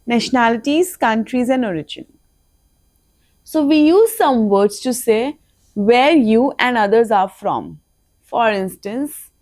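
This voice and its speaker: A woman from India, teaching a language lesson and slowly repeating each phrase twice. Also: a little high, a little mellow, no room sound. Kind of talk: slow spoken language lesson.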